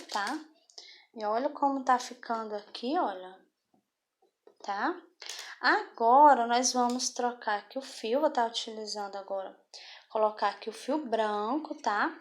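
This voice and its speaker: A woman's voice: on the high side, a little hiss or hum. Patient woman teaching a craft. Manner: patient, checks in often with the viewer. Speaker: craft instructor. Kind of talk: step-by-step craft tutorial.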